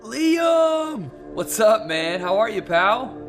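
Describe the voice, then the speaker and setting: A man playing an eager friendly church buddy, high voice, very lively, music bed. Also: slow, heavily acted. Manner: upbeat, pleading, laughing. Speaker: ad character.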